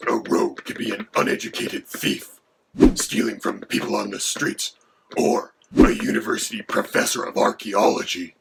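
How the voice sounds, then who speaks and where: A man voices a haughty, hungry male dragon who serves as co-host, lecturing in a low, gravelly, creaky, partly whispered, breathy rasp at normal speed. He delivers facts in a lofty, deadpan way, over a steady hiss of background noise.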